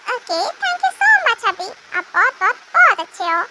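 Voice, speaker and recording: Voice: very high voice, sing-song, a little slow, heavily acted. A fan dubber voicing a moody, childish pregnant young wife who whines and speaks of herself in the third person. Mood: sulky. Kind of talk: amateur fan dub. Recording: noisy home recording.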